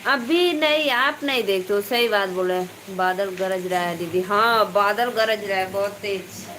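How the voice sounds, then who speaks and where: Indoors at home during a heavy downpour, this eastern Uttar Pradesh folk singer hosts a casual live stream in Awadhi-flavored Hindi, greeting viewers by name and raising her voice over the rain. She speaks unhurriedly in a mid-range voice; the audio is poor, with faint rain audible behind her.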